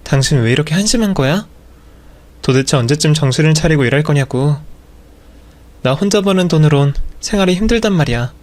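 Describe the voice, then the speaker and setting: A man's voice: fairly high pitch, animated, fairly quick, darkish tone, natural voice. Man putting on a nagging, exasperated young wife. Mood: scolding. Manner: scolding, nagging.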